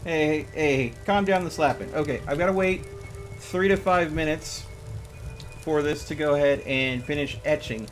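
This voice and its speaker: This man's voice is on the high side and moves at a moderate pace as he streams a game live. He keeps up casual commentary, walking himself through each step with exclamations, over background music.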